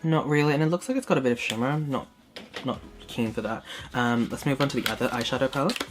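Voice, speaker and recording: A man's voice: medium pitch, fast, over music. Chatty young man doing his makeup. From Hong Kong. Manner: chatty, many "um"s, narrating his makeup steps. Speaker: beauty vlogger. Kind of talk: casual get-ready-with-me chat. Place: small indoor room, plain backdrop.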